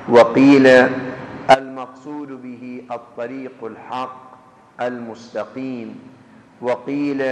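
A man delivering a Quranic exegesis lecture, measured and explanatory, restating his points. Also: medium pitch, a bit bright, a little hiss or hum. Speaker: religious lecturer. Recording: echoey hall with faint ambience.

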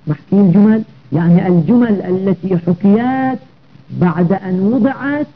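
A man's voice: high-pitched, normal speed, phone-quality sound. A man teaching a grammar lesson, explaining step by step and checking understanding with rhetorical questions.

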